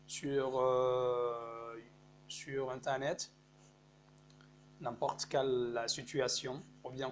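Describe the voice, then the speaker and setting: A man whose first language is Arabic, teaching French pronunciation in a slow, explanatory lesson, repeating words and checking in often. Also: mid-range voice, darkish tone. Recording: faint mains hum.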